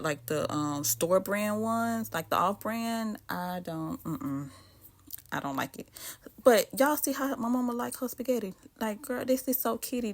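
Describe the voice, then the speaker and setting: Chatty Southern woman, lowish voice. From Southern United States. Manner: chatty, talks straight to viewers with frequent asides. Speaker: cooking vlogger. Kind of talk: casual chat while cooking.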